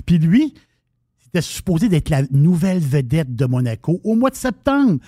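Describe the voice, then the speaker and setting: A man's voice: fairly high pitch, big pitch swings, unhurried, dark tone, breathy edge, no echo, studio quality. A man with a Québécois French accent, co-hosting a radio show and telling a story in casual banter with many restarts.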